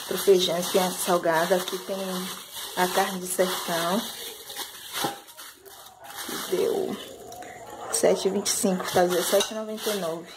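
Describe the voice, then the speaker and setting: Background noise fills this kitchen clip, where a woman from Brazil, in her thirties, lists her month's groceries for a home vlog. She speaks in a mid-range voice, casual and chatty, leaning on "né," and records with a handheld phone.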